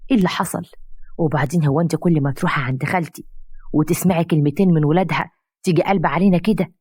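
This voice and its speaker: A woman's voice: low-pitched, very fast, a little mellow, breathy edge, dry recording. A woman voicing a hurt young daughter who stands up to her mother in an Egyptian Arabic tale. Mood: protesting.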